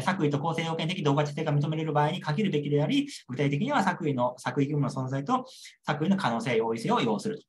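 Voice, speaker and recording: A man's voice: a little high, slight background noise. A young man lecturing on a model exam answer, repeating key points and checking understanding with rhetorical questions.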